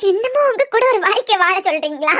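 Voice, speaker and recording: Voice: animated, fast, heavily acted. A voice actor playing a hurt but resolute young wife in a cartoon serial, with a Kanyakumari Tamil accent, pleading yet firm. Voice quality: very high, bright voice.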